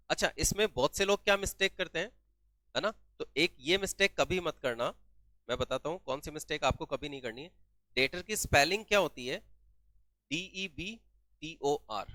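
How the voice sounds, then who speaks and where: Man, accounting teacher, bright forceful voice, dry close sound, quizzes then answers himself. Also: fairly high pitch, no echo. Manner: asks questions and answers them himself, repeats key terms. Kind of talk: classroom-style lesson.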